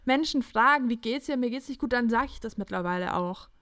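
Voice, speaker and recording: A woman's voice: fairly high pitch, brisk, dry recording, clean studio sound. A young woman hosting a casual podcast, animatedly retelling a chat conversation and acting out both sides. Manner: animated storytelling, quoting texts in chats. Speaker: podcast host.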